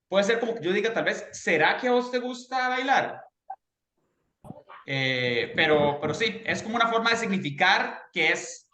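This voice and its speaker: Male teacher with a high, bright voice, patient and explanatory, recorded in an echoey room. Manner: patient, checks in often with students. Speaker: English teacher. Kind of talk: explaining grammar to a beginner class.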